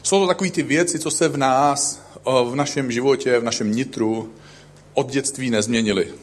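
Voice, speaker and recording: Lively man preaching with self-mocking humor. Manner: self-deprecating, jokey storytelling; lively swings between loud highs and low asides. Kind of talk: sermon with humorous personal stories.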